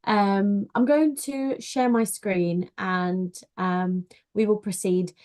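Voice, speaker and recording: A woman's voice: mid-range voice, fairly even intonation, takes it slowly, a little mellow. A woman from Poland, a university outreach officer, giving a friendly webinar presentation with frequent "um" fillers over a video call.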